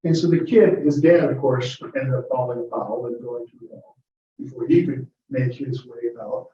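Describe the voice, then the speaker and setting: A man of medium pitch talks at a normal speed as a guest lecturer, taking audience questions in an informal Q&A. He is chatty, tends to digress, and chuckles often. The lecture room sound is echoey and muffled, recorded at a distance.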